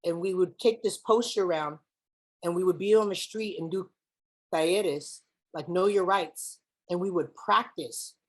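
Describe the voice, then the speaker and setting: A young woman with a fairly low-pitched voice speaks a little slowly as keynote speaker to a group of students. Switching between Spanish and English, she asks the audience questions, and the speech includes a spoken-word poem.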